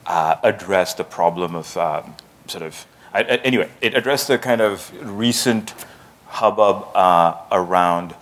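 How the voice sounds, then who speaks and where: A man interviewing a guest before an audience, hesitant and halting as he carefully builds long questions. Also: low voice, fairly bright tone. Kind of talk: conversational discussion before an audience.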